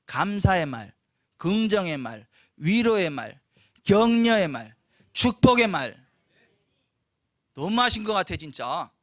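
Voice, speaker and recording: Pastor guy preaching, high voice, all over the place, acts out family fights, dry close sound. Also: big pitch swings, slow pace, pauses often, fairly bright tone, no echo. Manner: repeats lists of phrases with rising force. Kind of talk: sermon. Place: church sanctuary.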